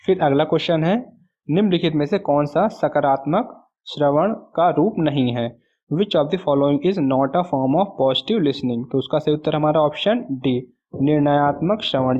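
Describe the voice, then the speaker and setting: A male exam tutor working through answers. He asks a question and answers it himself, mixes in English terms, and reads the English question text slowly. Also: on the high side, a little mellow. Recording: dull lo-fi audio.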